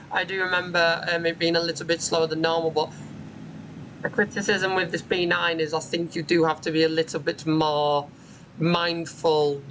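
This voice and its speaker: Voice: mid-range voice, a bit bright, slight background noise, low-quality recording. A bus simulator channel host giving casual gameplay commentary from home, chatty and explanatory, with frequent "um" fillers. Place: home room with a window onto a street.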